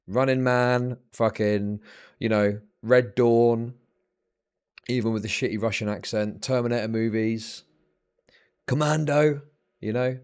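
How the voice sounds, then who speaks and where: A man's voice: mid-range voice, steady tone, a little slow, pauses often, darkish tone, clear, resonant tone. A man hosting a livestream, telling rambling, profane stories in casual chat that build into exasperated rants. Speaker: livestream host.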